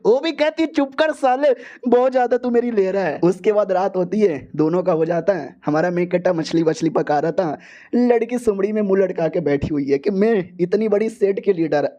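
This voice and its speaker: A man's voice: fairly high pitch, mellow. A man narrating a story recap casually, with slangy, crude joking asides. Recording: dull lo-fi sound.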